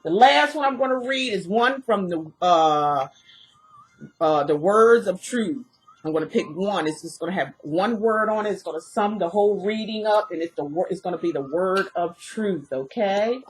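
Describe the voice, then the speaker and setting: A woman's voice: mid-range voice, moderate pace, husky, poor audio. A woman giving a casual tarot reading in a folksy, rambling way, her speech slightly impeded by a dental retainer. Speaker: tarot reader.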